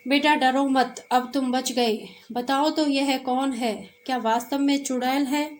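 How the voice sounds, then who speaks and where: A woman voicing a stern landlord father in a read-aloud story, speaking slowly in a high voice. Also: fairly even intonation, slight background noise.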